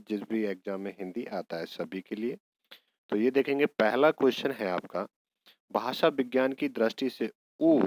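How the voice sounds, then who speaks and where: Hindi grammar tutor asking himself questions. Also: male voice, mid-range voice, a little mellow, dry recording, low-quality recording. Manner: explains step by step, keeps asking and answering his own questions. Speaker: teacher. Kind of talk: exam prep lesson.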